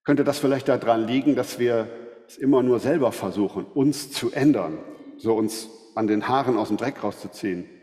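A man preaching a sermon, earnest and measured, often asking rhetorical questions. His voice is mellow and dark-toned. The sound rings with the long reverb of a large church hall. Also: medium pitch.

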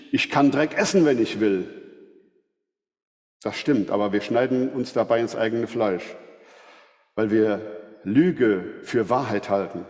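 A man's voice: mid-range voice, a little mellow. Man preaching in a reverberant hall. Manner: earnest, measured preaching with rhetorical questions. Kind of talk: sermon.

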